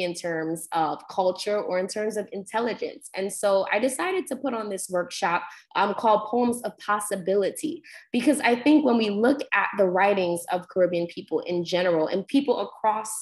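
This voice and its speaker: A young woman from Guyana, raised in New York, leading an online poetry workshop as instructor, speaking earnestly with frequent ums. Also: mid-range voice. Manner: warm, earnest, many ums. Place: home room on video call. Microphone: laptop video call mic.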